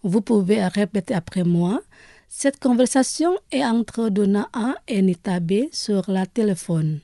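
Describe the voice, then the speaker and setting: Slow, low-toned woman teaching vocabulary. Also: animated, mellow, dry recording. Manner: careful, repeats each word twice. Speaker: radio language teacher. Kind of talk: slow radio vocabulary lesson.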